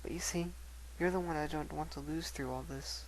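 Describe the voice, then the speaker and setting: Gentle, sad young female pony played by a man, hushed and hesitant dramatic letter reading. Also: a little high, steady tone, normal speed, slight background noise, close to an everyday voice, poor audio. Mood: sad, tender. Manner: soft, hesitant, wistful. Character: timid, sorrowful female pony writing to a friend.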